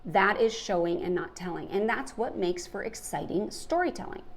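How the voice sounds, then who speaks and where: A woman who hosts a podcast and teaches writing gives an emphatic lesson on storytelling, posing questions and working through examples. Her mid-range voice has lively intonation, and she speaks at a moderate pace.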